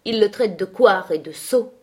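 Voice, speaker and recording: A woman's voice: mid-range voice, moderate pace, lightly acted. A woman voicing a whiny, spiteful sickly boy. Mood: taunting. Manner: whiny, taunting.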